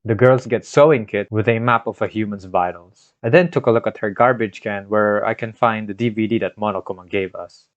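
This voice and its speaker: Recorded on a home microphone that sounds dull, dry and lo-fi, with occasional scuffing and no room sound, a fairly low-pitched male voice narrates a scripted retelling of a video game's story.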